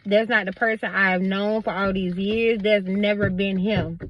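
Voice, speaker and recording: A woman's voice: mid-range voice, fairly even intonation, unhurried, lo-fi sound. A woman vlogger talking to her viewers in a casual monologue, emphatic and preachy, addressing them directly.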